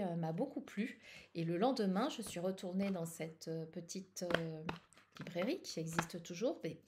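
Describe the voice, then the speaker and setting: Hesitant French-speaking woman, mellow voice. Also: medium pitch. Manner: hesitant, many fillers and restarts. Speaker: tarot channel host. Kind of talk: casual personal chat.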